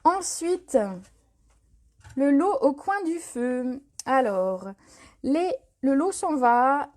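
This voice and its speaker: A woman's voice: high-pitched, expressive, very slow, darkish tone. A woman hosting a live stream to sell craft products, talking casually with many hesitations and repeated words. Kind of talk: casual live sales chat.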